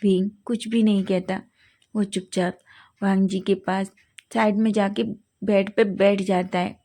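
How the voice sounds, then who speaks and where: A woman's voice: mid-range voice, little pitch movement, a little slow, mellow. Woman reading out a fanfic love story, keeps tripping on words and fixing them. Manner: stumbles and corrects herself often. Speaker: fanfiction narrator.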